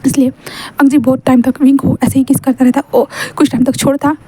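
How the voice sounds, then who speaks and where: A woman's voice: sits high, flat delivery, brisk, mellow, slightly rough. A woman casually narrating a fan-fiction story, voicing all the characters herself in one chatty tone, with stumbles and fillers.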